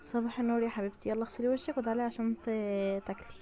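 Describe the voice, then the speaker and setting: A woman's voice: a little high, fairly even intonation, very fast, warm tone, natural voice. Woman voicing a bossy scheming witch mother. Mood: sugary. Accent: Egyptian Arabic. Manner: commanding, sugary then harsh.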